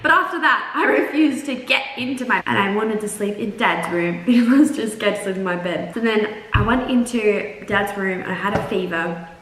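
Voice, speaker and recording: A young adult woman telling personal stories in a casual, animated, dramatic way as the host of her channel. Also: mid-range voice, a little fast. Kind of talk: casual chat, storytelling. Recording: roomy echo, distant mic, noisy background.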